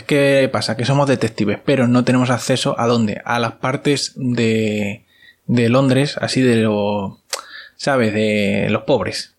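A man voicing a stiff gentleman doctor who pitches a deal in plain, slangy talk, with a Spain Spanish accent. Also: natural voice.

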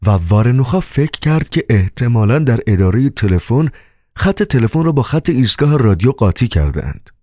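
A man narrating an audiobook novel in an expressive, dramatic reading manner. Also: medium pitch, no room sound, studio quality.

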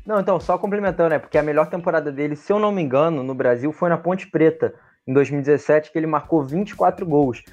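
A man's voice: a little high, fast talker, few pauses, a little mellow, highs cut off, soft background music. A Brazilian man hosting a sports show conversationally, often adding short check-in tags to his sentences.

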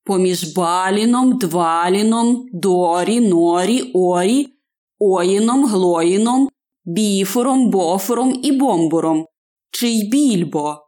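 Slow, deliberate woman storyteller. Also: mid-range voice, darkish tone. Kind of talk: scripted fairy-tale audiobook narration.

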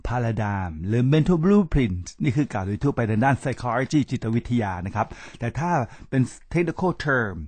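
A man's voice: mid-range voice, lively intonation, slow pace, hardly any pauses, a little mellow, no room sound. A middle-aged man hosting a talk show, lecturing his listeners in a preachy way and often stopping to address them and spell out English terms. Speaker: podcast host.

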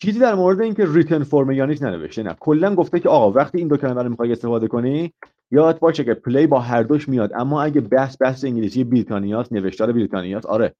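A man's voice: medium pitch, animated. Guy teaching ielts live, kinda dull muffled stream audio, quizzes the class, tosses in english examples. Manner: asks the class questions and explains step by step; mixes English example phrases into his explanations. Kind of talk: live online grammar lesson.

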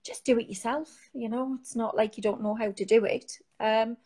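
Speaking at a moderate pace, this woman has a slightly high, darkish voice and fairly even intonation. She's a Geordie guest from Newcastle, England who founded an online support group, talking chattily over a phone mic from her sofa at home, full of fillers, restarts and rambling.

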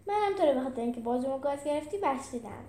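A woman's voice: sits high, expressive, warm tone, echoey room. A woman doing an impatient young animal hero. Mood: wary.

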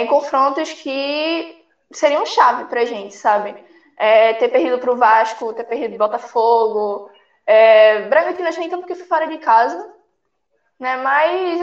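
A woman with a high voice calls in to a sports show and rambles anxiously. The sound is muffled and echoey, as if carried over a dull call line. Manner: rambling, anxious, filler-heavy. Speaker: fan calling in to a sports show. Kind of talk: casual call-in chat.

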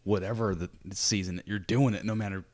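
A man's voice: fairly low pitch, fairly even intonation, fast talker, a little mellow. A young man hosting a casual podcast, joking and chiming in with quips. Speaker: podcast host. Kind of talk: casual chat.

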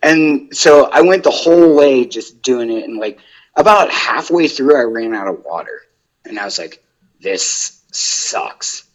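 A man's voice: medium pitch, lively intonation, normal speed, low-quality recording. A young man chatting casually as a podcast guest, rambling with lots of "like". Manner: rambling, full of "like". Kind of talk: casual interview chat.

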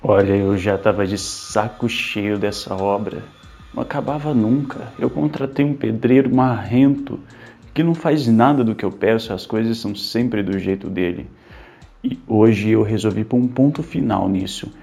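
A man's voice: lowish voice, normal speed, gravelly, warm tone. A man with a Brazilian accent narrating a story expressively, rising in volume when he gets worked up.

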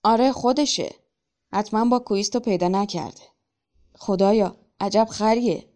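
A woman reading a story aloud, voicing a stubborn male peasant cart driver who grumbles and yells at his horse. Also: high voice. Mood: grumbling. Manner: blunt, grumbling, shouts at the horse.

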